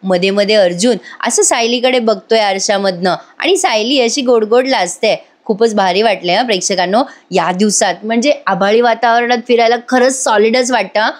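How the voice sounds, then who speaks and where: A woman narrates a TV serial recap in a bright, slightly high voice. She chats with her audience as she goes, playing out the characters' dialogue inside her story. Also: moderate pace, few pauses. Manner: chatty, addresses viewers directly. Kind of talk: voice-over episode recap.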